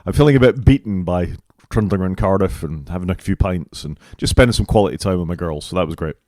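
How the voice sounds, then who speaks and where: Man, podcast co-host, croaky, tired, quick, deep, close dry mic. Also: warm tone, dry recording. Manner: chatty, rambling, self-deprecating. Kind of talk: casual chat.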